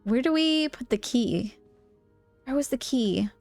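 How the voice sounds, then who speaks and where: A woman's voice: on the high side, expressive, a little slow, darkish tone, soft background music. A woman streaming a game, reading in-game letters aloud and reacting with gasps and laughs. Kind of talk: let's play commentary, reading notes and letters aloud.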